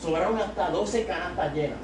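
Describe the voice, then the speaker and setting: High-pitched and brisk, a young evangelist with a Puerto Rican Spanish accent exhorts a youth service from the pulpit. He is from Puerto Rico, uses a handheld mic in a small church sanctuary, and rises to loud, emphatic peaks. The footage comes from a far camera, so the audio is echoey and noisy.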